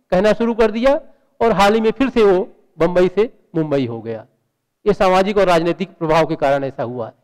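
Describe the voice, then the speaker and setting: A man lecturing to students, his voice pitched high for a man. He works through one example after another and poses rhetorical questions. A long reverb trails behind his words. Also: a little mellow. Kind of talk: university lecture on language.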